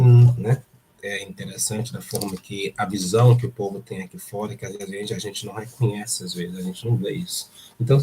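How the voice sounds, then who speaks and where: A man's voice: on the low side, mellow, a little hiss or hum. A man from Brazil with a Brazilian Portuguese accent, hosting a casual live stream and stressing points by repeating words. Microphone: streaming setup.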